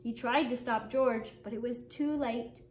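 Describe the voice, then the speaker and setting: A woman with a high, steady-toned voice reads a picture book aloud to young children in an echoing, roomy space. She takes her time, telling the story expressively and deliberately like a kindergarten teacher, with faint noise in the background.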